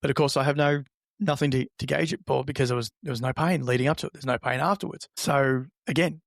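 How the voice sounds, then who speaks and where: Aussie guy chatting as a podcast guest, kinda halting and thoughtful, really dry close sound. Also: medium pitch, gravelly, no echo. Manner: halting, reflective, acts out remembered remarks. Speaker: interview guest. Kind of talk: conversational personal storytelling.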